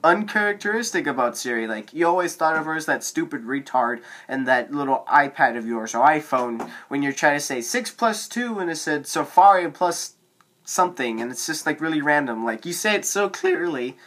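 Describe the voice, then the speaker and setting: A man's voice: a little high, expressive, moderate pace, fairly bright tone. Teen boy vlogger on phone cam, rambling advice, filler-heavy, voice cracks at times. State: voice cracking now and then. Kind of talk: casual advice monologue to camera. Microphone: phone camera.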